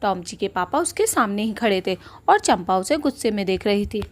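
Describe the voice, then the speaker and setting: A woman narrates a cartoon story in an even, steady storybook manner. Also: medium pitch, moderate pace.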